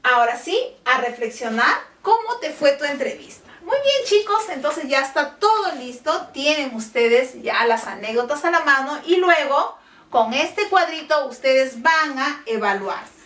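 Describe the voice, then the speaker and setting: A woman's voice: high-pitched, sing-song, a little slow, fairly bright tone. A woman teacher talking to schoolchildren in a friendly way, often stopping to check with short questions. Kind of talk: teaching a class to children on camera. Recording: echoey room, voice from a distance.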